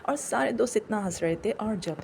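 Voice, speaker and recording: A woman's voice: medium pitch, expressive, a little fast, creaky, a little mellow, a little hiss or hum. A woman narrating a dramatized story in a chatty, affectionate way, often repeating her phrases.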